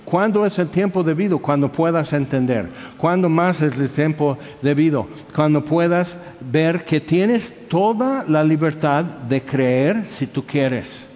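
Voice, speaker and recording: A man's voice: on the high side, animated, measured pace, few pauses, a little mellow. Man, conversational sermon, echoing hall, slightly muffled recording. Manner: conversational, storytelling with questions. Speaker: preacher. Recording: dull sound with long hall reverb.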